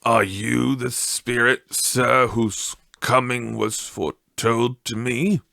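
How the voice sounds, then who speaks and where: A man's voice: medium pitch, steady tone, slow, creaky, bright, forceful tone, no room sound, clean studio sound, heavily acted. A man voicing an earnest, emotional old man in a dramatised storybook reading. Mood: timid, questioning. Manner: earnest, emotional exclaiming and questioning. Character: excitable mortal old man, Ebenezer Scrooge.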